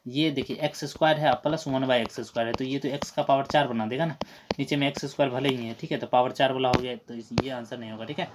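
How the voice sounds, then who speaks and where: A man teaching math, running through exam answers briskly, working the sums out loud and saying "okay" over and over. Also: mid-range voice, fairly even intonation, noisy background. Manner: brisk, repeats "theek hai" constantly; works sums aloud in a running drone.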